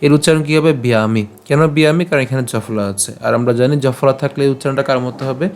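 Bengali man slowly drilling verse pronunciation. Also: medium pitch, darkish tone, slight background noise. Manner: slow, syllable-by-syllable drilling, asking and answering his own questions. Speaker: teacher of scripture recitation. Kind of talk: pronunciation lesson with chanted verse.

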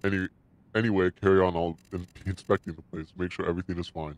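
A man speaking through a voice changer that morphs his voice deep, voicing a gruff male detective and manager in a game with friends, with improvised, halting lines. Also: flat delivery. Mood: smug. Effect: deep voice changer altering his voice.

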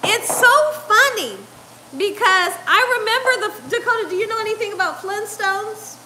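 A middle-aged woman, hosting a casual livestream from her home kitchen and reading out chat, laughing often and chatting in an animated way. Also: very high voice, normal speed, slight background noise. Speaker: cooking channel host reading live chat. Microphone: lapel mic.

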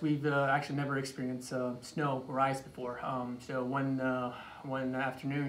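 Here a chiropractor, a young man from Iraq in his late 20s, is introduced and recounts something from his own life in a relaxed interview, his pitch sitting in the middle range. His speech stops and starts, with repeated words and phrases. The audio comes from a phone camera a few feet away in a small office room, giving an echoey, distant sound with a little noise.

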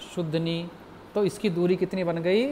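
A man teaching music theory in a slow, patient lecture, explaining step by step and asking the class questions. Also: high voice, fairly even intonation, dark tone, a little hiss or hum.

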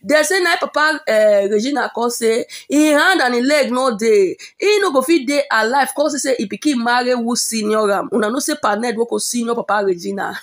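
A woman with a Nigerian Pidgin accent telling celebrity gossip in a dramatic, animated storytelling manner. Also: a little high, fairly quick.

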